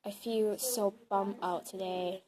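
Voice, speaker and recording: This young woman's medium-pitched voice is a little mellow, slow, and fairly even. A bilingual student from Hong Kong whose first language is Cantonese, she gives chatty, hesitant interview answers, thinking aloud and using many "um" and "like" fillers.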